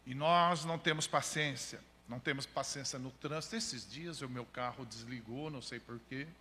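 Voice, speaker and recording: Emphatic preacher in a reverberant church. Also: male voice, medium pitch, moderate pace, bright, forceful tone, a little hiss or hum. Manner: emphatic, repeatedly addressing listeners as brother. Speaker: missionary preacher. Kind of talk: sermon. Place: church hall. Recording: long church hall reverb.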